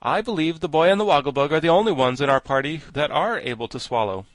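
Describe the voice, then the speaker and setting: A man's voice: a little high, fast talker, no echo, voice pushed up, lightly acted. A man voicing a good-natured, wry and talkative living scarecrow in a storybook, speaking with genial emphasis. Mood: frank, genial. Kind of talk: storybook character voice.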